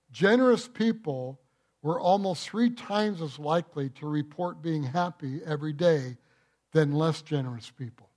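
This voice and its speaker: Male pastor, slightly high voice, unhurried delivery, emphatic sermon with rhetorical questions. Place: church.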